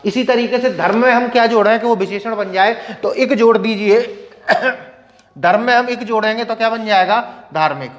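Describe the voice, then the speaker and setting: A man with a high-pitched voice teaches a grammar lesson at normal speed in a large hall. He poses questions to his class and answers them himself, repeating "ठीक है" ("okay") after nearly every line.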